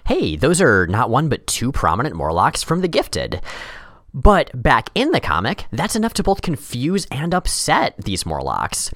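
A man's voice: medium pitch, wildly swooping pitch, measured pace, a bit bright, dry recording, clean studio sound. A man co-hosting a show, narrating a scripted comic book recap in a playful, wordy, theatrical way. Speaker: podcast co-host.

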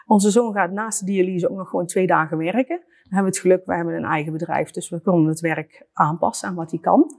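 A mother in a slightly low voice. She talks candidly in a personal interview, pausing and restarting as she finds her words. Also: fairly even intonation, creaky, darkish tone. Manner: candid, halting, with frequent restarts and fillers.

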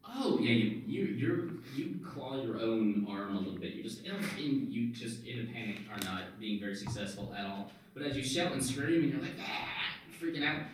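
A man's voice: mid-range voice, lively intonation, brisk, hardly any pauses, distant mic. A man narrating a tabletop game as game master, chatty and loose, with lots of fillers and restarts. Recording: very echoey room, off-mic, faint hiss.

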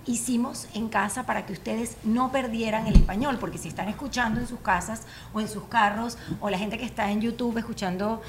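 A Venezuelan woman in her forties hosting a casual family chat, lively and teasing. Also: on the high side, brisk, few pauses, heavy background noise. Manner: lively, teasing, talks over others. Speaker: mother and podcast host.

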